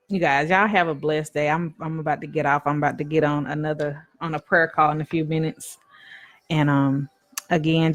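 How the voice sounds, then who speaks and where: In a low-pitched voice, a woman minister leads a relaxed devotional talk over live stream, repeating herself emphatically in a preacher's rhythm and speaking to viewers as "y'all."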